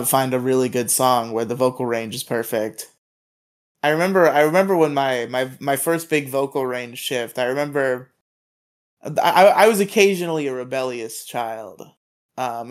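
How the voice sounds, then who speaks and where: Rambling, stammering male podcast co-host. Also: medium pitch. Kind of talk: casual chat.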